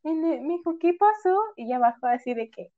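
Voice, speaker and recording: A woman's voice: sits high, fast talker, phone-quality sound. A young woman hosting a casual chat, giggling as she tells stories. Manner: giggly storyteller, quotes herself. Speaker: host.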